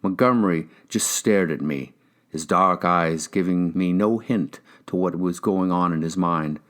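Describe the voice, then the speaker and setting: A low-voiced male actor reads a crime novel aloud in the first person for a scripted audiobook, taking an unhurried pace.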